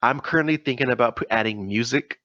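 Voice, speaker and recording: A man's voice: medium pitch, quick pace, pushed and bright, no echo, highs cut off. A man co-hosting a gaming podcast in casual chat, rambling with many fillers and laughs. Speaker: podcast co-host.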